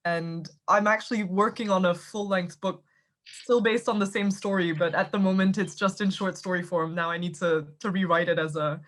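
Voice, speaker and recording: A woman's voice: fairly low pitch, steady tone, normal speed. A woman from Thailand with an American accent, an author explaining her work articulately in a video call interview. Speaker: author guest. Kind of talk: casual interview answers.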